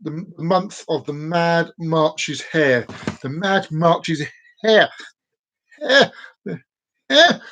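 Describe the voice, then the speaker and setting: A man's voice: on the high side, animated, extremely slow, pauses often, a bit bright, a little hiss or hum. A man in his forties hosts a live stream and talks straight to his viewers. He rambles playfully, repeats words and phrases, and keeps the chat loose and casual. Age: 40s.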